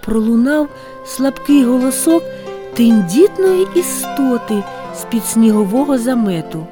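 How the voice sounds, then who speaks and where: A woman narrating a storybook tale in an expressive way, with sweeping pitch. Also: a little slow, over music. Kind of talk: storybook reading.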